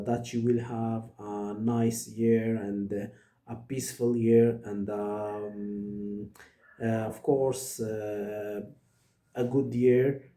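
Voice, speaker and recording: A man from Morocco, speaking as an in an earnest vlog monologue, pausing often with fillers. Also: mid-range voice, dark tone, roomy sound. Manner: earnest, many hesitations and fillers. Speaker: vlogger. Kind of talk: direct-to-camera monologue.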